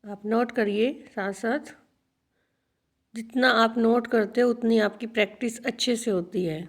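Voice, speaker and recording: Woman teaching slowly. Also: on the high side, steady tone. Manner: repeats words slowly, addresses students as children. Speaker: English teacher. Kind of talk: teaching a video lesson.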